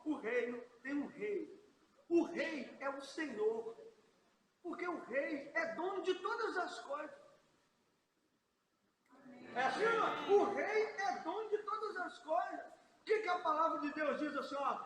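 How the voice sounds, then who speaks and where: A man's voice: very high voice, sharp tone. A man with a Brazilian accent preaching a sermon, emphatic and repetitive, calling out to his listeners in a large church hall. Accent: Brazilian Portuguese. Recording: echoey church hall, far mic, faint noise.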